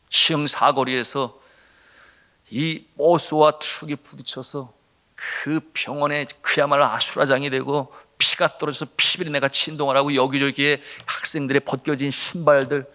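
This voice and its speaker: A middle-aged man, a senior pastor, preaching a sermon with a personal testimony, speaking to the congregation directly and moving between loud urgency and hushed tones. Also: a little high. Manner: impassioned, swinging from loud to hushed, addresses the congregation.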